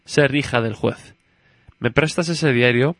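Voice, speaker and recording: A curious, eager little girl, as a man reading the story puts her on, full of innocent questions for her father. A colors her words. The delivery is slow and the sound dry and close. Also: medium pitch, a bit bright, dry recording. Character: curious, chatty little girl, judge's daughter.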